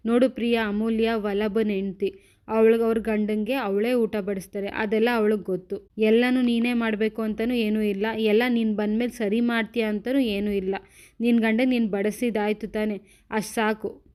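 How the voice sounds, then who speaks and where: A woman's voice: fairly high pitch, little pitch movement, normal speed, a little mellow, close to an everyday voice. Bossy middle-aged mother-in-law, firm and commanding, read by a woman retelling a serial. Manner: firm, commanding, repeats orders.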